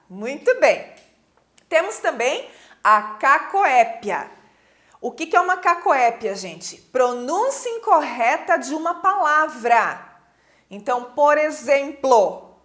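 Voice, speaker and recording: A woman's voice: sits high, a bit bright. A woman teacher with a Brazilian Portuguese accent, giving a recorded lesson in a patient, explanatory way and often checking that students follow.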